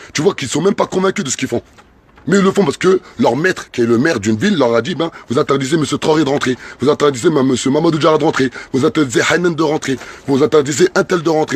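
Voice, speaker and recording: Fast-talking impassioned French activist man. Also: medium pitch, husky. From France. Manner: fervent, repetitive, rising emphatic bursts. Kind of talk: impassioned political speech.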